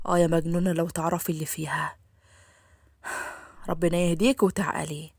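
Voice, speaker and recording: A woman's voice: little pitch movement, a little fast, gravelly, darkish tone, breathy edge, no room sound. Woman playing Zein, a curt young Egyptian man. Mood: weary. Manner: curt, dry, low-voiced. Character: young man, cold and teasing.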